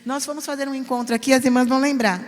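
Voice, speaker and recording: A woman's voice: high voice, steady tone, rapid-fire. A middle-aged woman with a São Paulo Brazilian accent teaching a church parenting class. She talks emphatically, jokes, and keeps checking in with the audience. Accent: Brazilian Portuguese, São Paulo. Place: church hall. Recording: reverberant church hall.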